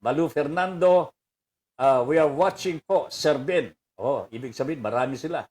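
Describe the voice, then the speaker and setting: A man's voice: a little high, moderate pace, darkish tone. An older man with a Filipino accent, hosting a commentary show, reading viewer greetings aloud in a chatty way and laughing often. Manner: chatty, laughs often, mixes in English phrases. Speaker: radio commentator host reading viewer messages. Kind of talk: casual on-air commentary.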